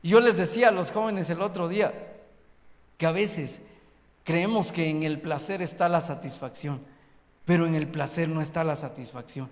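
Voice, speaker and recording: A man's voice: fairly high pitch, normal speed. A man preaching a fervent sermon as a missionary, asking the congregation rhetorical questions. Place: church hall. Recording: long echo of a hall.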